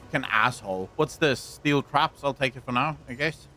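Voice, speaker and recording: Speaking at normal speed with a medium pitch and a pushed, bright tone, a male live streamer and video creator riffs on his gameplay. His style is sweary frat-bro talk, treating viewers as buddies and calling them "boys" and "bro." There's a little hiss or hum on the audio.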